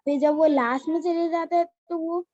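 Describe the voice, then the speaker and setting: A woman's voice: extremely high pitch, fairly even intonation, normal speed, mellow, dry recording, lo-fi sound. A woman teaching a children's alphabet lesson, patiently repeating each letter name as she explains.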